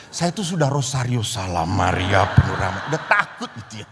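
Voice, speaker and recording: A man's voice: lowish voice, fairly quick, background noise. A middle-aged man, a priest, preaching a sermon and telling a story with acted-out dialogue. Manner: lively storyteller acting out dialogue. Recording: long church reverb.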